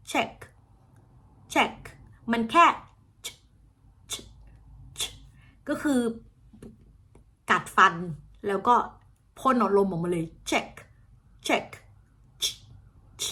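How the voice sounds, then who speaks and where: A woman's voice: medium pitch, lively intonation, brisk, pushed and bright. A woman English teacher giving a casual pronunciation lesson, chatting and repeating example words to demonstrate sounds. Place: indoors, seated on a chair.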